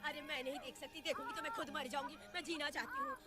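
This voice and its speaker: A woman's voice: high voice, sing-song, quick pace. A woman dubbing an unmarried village woman who fears childbirth and talks in repetitive, rambling sentences. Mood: anxious. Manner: rambling, repeating herself. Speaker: dubbing actress. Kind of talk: Hindi film dub. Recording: film score behind voice.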